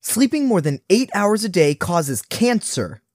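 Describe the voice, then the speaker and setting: Woman doing a deadpan cartoon news announcer. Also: mid-range voice, a little slow, no room sound, studio quality. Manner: formal announcing.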